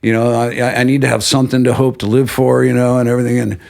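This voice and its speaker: Animated man telling his story. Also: mid-range voice, fast talker, gravelly. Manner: animated, acts out quotes of others. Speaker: interview guest. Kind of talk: storytelling in a casual interview.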